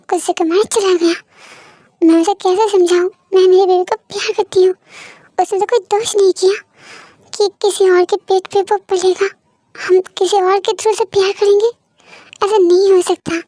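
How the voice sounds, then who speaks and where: A woman's voice: extremely high pitch, level tone, moderate pace, mellow, no room sound, clean studio sound, pitched above the performer's own voice. A woman voicing an anxious, tearful pregnant young wife who pleads with her husband. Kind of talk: fan story voice acting.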